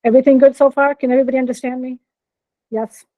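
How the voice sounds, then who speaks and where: A woman with a high voice and little pitch movement talks quickly, giving a friendly keynote as a professor on a video call and checking in with listeners. She has an American accent, though she was born in Norway and raised in Brazil. Her computer mic produces dry, phone-quality sound.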